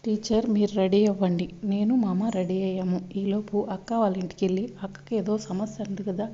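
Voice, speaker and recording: A woman's voice: medium pitch, level tone, brisk, mellow, highs cut off, lightly acted. A woman voicing an earnest young woman, a caring younger sister, who speaks in a pleading yet firm way.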